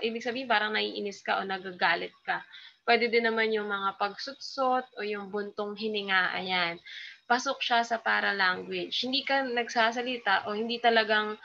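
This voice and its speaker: Bright-voiced Filipina teacher giving a lecture. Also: female voice, mid-range voice, creaky. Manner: explains patiently, many fillers and tag questions. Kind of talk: recorded online lecture. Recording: slightly dull lo-fi sound.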